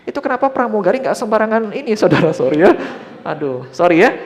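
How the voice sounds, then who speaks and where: A man's voice: high voice, very animated, fast talker. A male pastor preaching a church sermon as a story, often turning to his listeners and dropping English phrases into his talk. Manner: storytelling, often addressing listeners as brothers and sisters.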